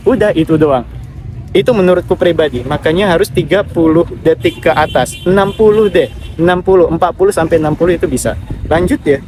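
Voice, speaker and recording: Guy doing a live q&a, reads chat comments and answers straight, a bit higher voice, faint background noise. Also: darkish tone. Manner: direct, advice-giving, frequent "lanjut". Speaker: affiliate marketing livestreamer. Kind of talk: casual live Q&A reading viewer comments.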